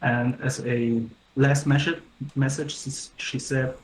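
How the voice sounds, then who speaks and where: A man in a casual online debate, talking haltingly with many fillers through a microphone that makes him sound robotic and metallic. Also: mid-range voice, flat delivery. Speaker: debate participant. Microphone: laptop microphone. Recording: echoey with faint noise.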